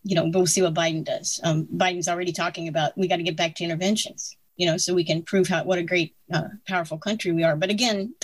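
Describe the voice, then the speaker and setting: A woman in her 60s with a lowish voice talks fast, with hardly any pauses, in a casual political conversation. She's opinionated and animated, laughing between points, and the recording is dry with no room sound.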